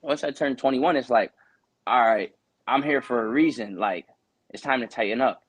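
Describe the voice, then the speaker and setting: A man's voice: medium pitch, normal speed, breathy edge. A man in his twenties, a boxer from Connecticut, talking earnestly in a casual interview, rambling with lots of "you know" fillers. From Connecticut, USA.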